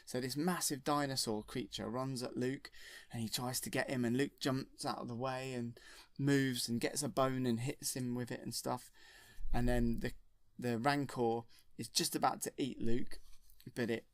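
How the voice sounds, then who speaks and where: A man, deadpan and rambling as he retells a film in plain, childlike words. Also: mid-range voice, normal speed, dry recording. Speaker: comedic storyteller.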